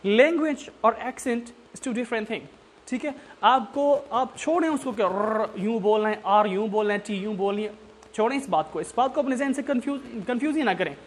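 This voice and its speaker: A Saraiki-speaking English tutor with a fairly high voice gives learners tips in a loose, unscripted informal lesson at normal speed. He repeats his points, coaxes, and keeps checking that everyone follows.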